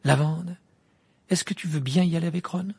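A gloomy teenage boy wizard who talks in a flat, subdued tone, as a reader voices him in an amateur audiobook. The voice is raspy and gravelly. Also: medium pitch, moderate pace, no room sound, voice pushed up.

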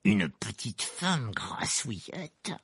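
Storybook uncle, heavyset, blustering and easily outraged, put on by a male reader, drawn-out indignant lines, raised and gravelly. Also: fairly low pitch, very animated, a bit bright, no room sound, heavily acted. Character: blustering irritable middle-aged uncle, heavyset man.

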